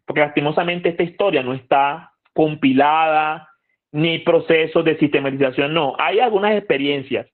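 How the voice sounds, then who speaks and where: A man's voice: a little high, moderate pace. A man giving a conversational lecture to a youth group, asking the audience questions and repeating phrases for emphasis. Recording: tinny phone-like audio.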